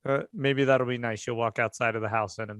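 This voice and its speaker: A man's voice: mid-range voice, steady tone, a little fast, a bit bright, no echo. A man running a tabletop role-playing game, narrating and asking questions in a casual chat. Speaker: game master.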